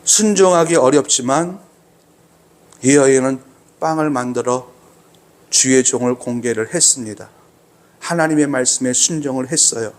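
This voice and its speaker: A man's voice: medium pitch, normal speed, long pauses. A male pastor preaching a sermon, emphatic and repeating key phrases for weight.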